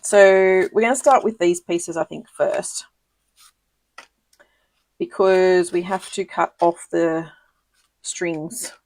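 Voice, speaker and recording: A woman hosting a casual live crafting tutorial, chatty and giggly, with many ums and quick self-corrections. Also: on the low side, darkish tone. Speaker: papercraft demonstrator hosting a live video.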